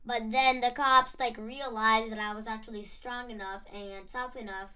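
A woman's voice: on the high side, fairly even intonation, normal speed, sharp tone, smooth. A young girl chatting as a podcast guest, rambling through make-believe with many "like" and "I mean". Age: young child. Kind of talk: playful chat, make-believe.

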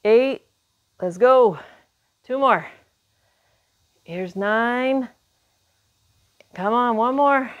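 A woman's voice: fairly high pitch, very slow, long pauses, muffled recording. A woman in her forties coaching exercise, counting workout reps in short, encouraging cues while exerting herself. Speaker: fitness instructor. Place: indoor home workout room.

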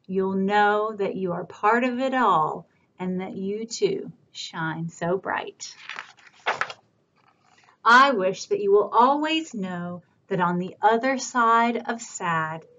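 A woman children's librarian reading picture books aloud for storytime, with a warm, expressive storytime delivery. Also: medium pitch, muffled recording, a little hiss or hum.

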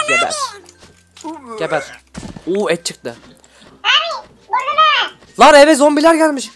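A young man hosting a gaming video, reacting loudly and constantly to everything on screen. His voice sits fairly high and swings widely in pitch. Music plays clearly behind him. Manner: excitable, shouty, constantly reacting. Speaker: gaming YouTuber host. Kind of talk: gameplay commentary. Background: background music.

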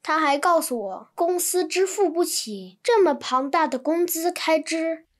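A woman reading translated textbook sentences in an even, clear manner. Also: very high-pitched, a little slow. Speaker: Chinese translation reader.

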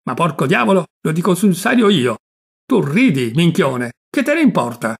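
A man reading aloud and voicing a gruff, irritable old uncle who blusters and shouts in bursts. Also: a little high, sing-song, normal speed, heavily acted. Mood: irritated.

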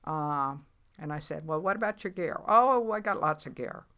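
Speaking at a moderate pace with lively intonation, a woman in her eighties uses a low, somewhat bright voice. She is a seasoned commercial fisher sharing her story in a relaxed interview, matter-of-fact and rambling, with lots of restarts.

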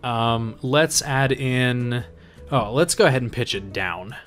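Young man rambling through a software tutorial. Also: medium pitch, takes it slowly. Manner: rambling, filler-heavy, self-correcting. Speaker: tutorial host. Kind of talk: casual screen-recorded software tutorial. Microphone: home desk microphone.

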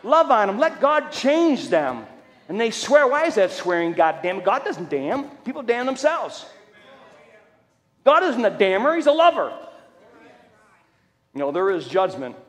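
A middle-aged man preaching a testimony sermon as a preacher and fire chaplain, loud, shouting at times and joking. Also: high voice, big pitch swings, measured pace, pauses often. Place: large church hall. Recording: long hall reverb.

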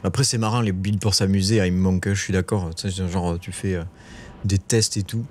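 A man's voice: deep voice, fairly even intonation, brisk, a little mellow, a little hiss or hum. A man giving casual live commentary while playing a game, chatting with viewers and swearing when frustrated. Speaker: streamer. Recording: game music playing behind.

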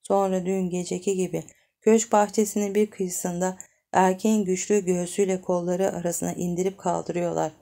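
A woman narrating a novel as an audiobook in a measured storytelling manner. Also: lowish voice, little pitch movement, gravelly, dark tone.

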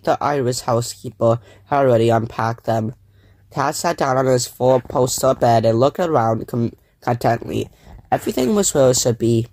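A man's voice: mid-range voice, darkish tone, no echo. Man reading a children's book aloud. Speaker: reader.

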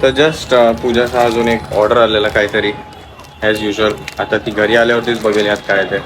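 A man's voice: fairly low pitch, little pitch movement, normal speed, background noise. A young man filming a casual home vlog. He chats to the camera and talks baby talk to his toddler. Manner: chatty, switches between baby talk and explaining to viewers. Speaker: vlogger and father.

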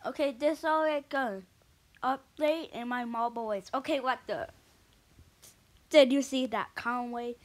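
A woman casually commentating a marble race video in a rambling, chatty way, with sudden excited shouts. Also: fairly high pitch, measured pace. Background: background music.

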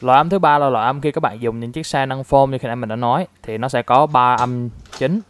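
A man's voice: medium pitch, fast talker, clear, resonant tone. Chatty man reviewing a toy. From Vietnam. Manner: chatty, explains step by step with many fillers. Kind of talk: casual product review.

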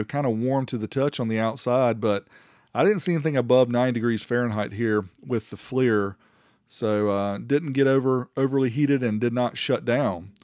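A man hosting a product channel gives an informal, plainspoken voice-over reviewing car audio amplifiers. His medium-pitched voice is a little mellow, recorded with clean studio sound and no echo.

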